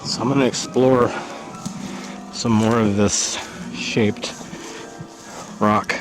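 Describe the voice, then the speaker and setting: A man vlogging while climbing a steep hill outdoors, short of breath, talking in halting bits with pauses as he thinks aloud. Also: lowish voice, steady tone, over music, low-quality recording. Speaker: vlogger exploring ruins. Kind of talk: hiking vlog narration. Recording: outdoor wind and ambient noise.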